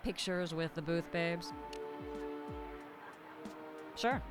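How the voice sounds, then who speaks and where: An actress voicing a brash marketing director at a game studio, salesy and dismissive, with game music behind. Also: female voice, on the low side, very slow. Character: brash woman marketing director hyping a shooter.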